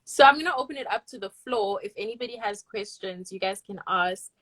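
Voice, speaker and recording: A woman's voice: mid-range voice, fairly quick, a bit bright, low-quality recording. A woman hosting a live Q&A, reading out audience questions with hesitant fillers. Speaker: host.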